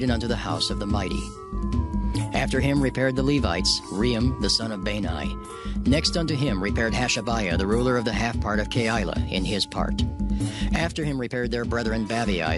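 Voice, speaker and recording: A man with a medium-pitched voice narrates a dramatized scripture reading at a measured, solemn pace, while loud music plays beneath him.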